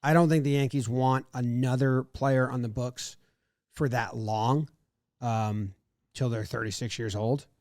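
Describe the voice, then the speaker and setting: Measured in pace and fairly even in intonation, a man with a medium-pitched, slightly mellow voice co-hosts a casual sports podcast. He rambles, second-guesses himself and acts out what he was thinking. The recording is dry and studio quality.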